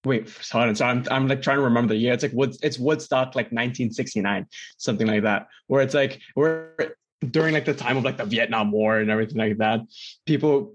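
A young Indonesian man co-hosts a casual podcast, speaking fairly quickly at a medium pitch. He tells stories in a rambling chat, leaning heavily on "like" and laughing often.

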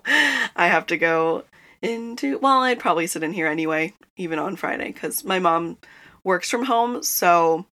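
Young woman podcast host, bright tone, loose chatty delivery with frequent laughs, recorded inside a closet. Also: lowish voice, expressive, unhurried. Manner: chatty and rambling, laughs often. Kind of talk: casual chat. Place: inside a small closet in a childhood bedroom.

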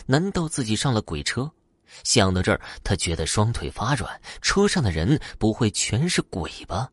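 A man narrating a scripted ghost story in an expressive, dramatic way. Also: on the low side, no echo, studio quality.

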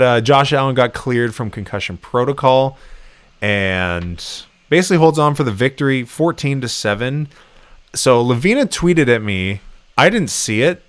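Lively sports podcast host, man. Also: medium pitch, dry recording. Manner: animated, laughs often. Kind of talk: casual sports chat.

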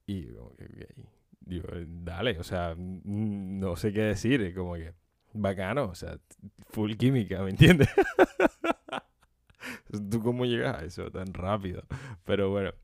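A very low-pitched man, talking casually alone on his podcast. He rambles, swears and jokes, close to the mic in a dry, dead-sounding room. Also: very animated, unhurried, vocal fry, long pauses, no room sound. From Colombia. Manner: rambling, profane and joking, often laughing. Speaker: podcast host. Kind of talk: casual solo podcast monologue. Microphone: close microphone.

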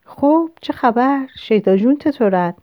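A woman reading a novel aloud, voicing an affectionate, flattering middle-aged woman visitor in a raised, effusive tone. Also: sits high, no echo, voice pushed up. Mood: gushing. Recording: dull lo-fi recording.

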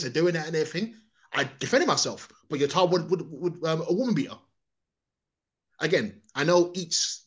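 An Englishman with a mid-range voice delivers a rambling, opinionated podcast monologue. He often restarts and repeats his words.

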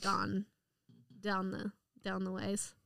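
A woman's voice: medium pitch, completely flat delivery, slow, vocal fry, sharp tone, no room sound. A woman co-hosting a podcast, chatting casually with lots of laughter and rambling, enthusiastic explanations. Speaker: podcast co-host. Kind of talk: casual chat.

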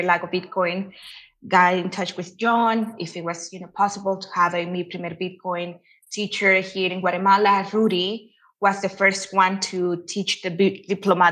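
A woman's voice: mid-range voice, fairly bright tone. Chatty woman guest. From El Salvador. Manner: chatty, many "you know" fillers. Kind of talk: casual interview talk.

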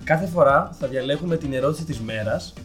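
A man's voice: a little high, a bit bright, soft background music. Joking young male podcast co-host. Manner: joking, rambling, self-mocking. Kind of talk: casual chat.

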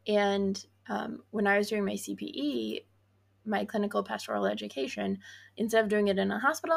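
A woman with a mid-pitched, gravelly voice full of vocal fry co-hosts a relaxed podcast conversation. She talks earnestly and chattily, leaning on "like" and "um". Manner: earnest, chatty, frequent "like" and "um", light laughs. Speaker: podcast co-host. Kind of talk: casual chat.

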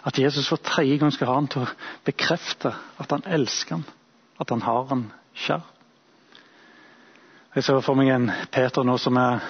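A male preacher giving a sermon, retelling a Bible story in a reflective, imaginative way with thoughtful pauses. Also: mid-range voice, husky, highs cut off.

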